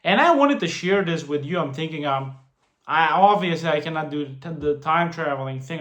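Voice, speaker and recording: A man's voice: a little high, a bit bright. A man in his late twenties giving casual money advice to the camera, earnest and prone to repeating and restarting phrases. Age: 20s. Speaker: finance vlogger. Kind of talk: casual talking-head advice. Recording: roomy echo.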